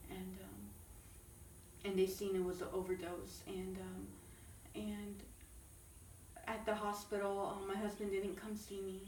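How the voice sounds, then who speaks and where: A young woman giving a halting personal testimony with many fillers, recorded from a distance in an echoey room. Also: mid-range voice, completely flat delivery, a little mellow. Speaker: ministry program resident. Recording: echoey room, mic far off, faint noise.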